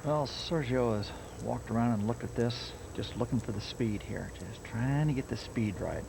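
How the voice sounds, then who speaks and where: A man's voice: medium pitch, normal speed, gravelly. A man working as a golf commentator, calling live tournament play over outdoor noise. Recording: noisy outdoor broadcast.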